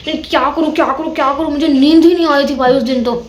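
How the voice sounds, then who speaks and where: High-voiced young woman telling a spooky story. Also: steady tone, fast talker, a little hiss or hum. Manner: dramatic, repeats words for suspense. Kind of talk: casual spoken storytelling. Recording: echoey room.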